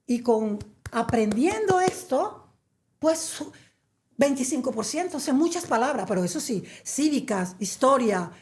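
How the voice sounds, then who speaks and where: A woman from Venezuela, telling her story in an interview; she hesitates with many fillers and restarts, then turns lively and emphatic. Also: high voice, unhurried. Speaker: interview guest. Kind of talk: conversational storytelling.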